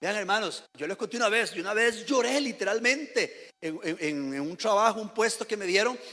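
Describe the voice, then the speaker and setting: Man preaching a sermon, high bright voice, echoing church hall reverb, quizzes the congregation. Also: lively intonation, fairly quick. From Costa Rica. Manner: addresses the congregation directly with questions and calls to repeat. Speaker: pastor. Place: church sanctuary.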